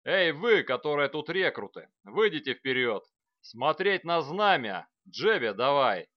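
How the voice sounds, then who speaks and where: Male reader doing a gruff mercenary commander for an audiobook, loud parade-ground shouting, dry and slightly dull sound. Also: a little high, big pitch swings, a little slow, no echo, pitched above the performer's own voice. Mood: shouting orders. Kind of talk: audiobook character voice.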